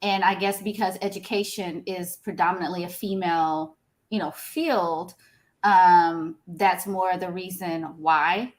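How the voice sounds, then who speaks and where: This is a woman answering as a panelist, her voice pitched a little low. She talks in a measured, reflective way, leaning on small fillers as she works out each point. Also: fairly even intonation. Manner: measured and thoughtful, with frequent fillers.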